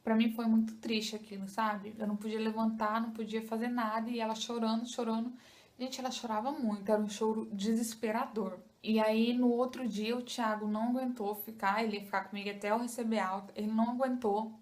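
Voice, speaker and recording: A woman's voice: a little high, flat delivery, fairly quick, darkish tone. A young Brazilian woman, a first-time mother, talking casually to her viewers in a chatty way. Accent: Brazilian Portuguese. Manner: chatty, addresses viewers with "gente" and "tá?". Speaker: vlogger, new mother. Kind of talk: casual chat to camera.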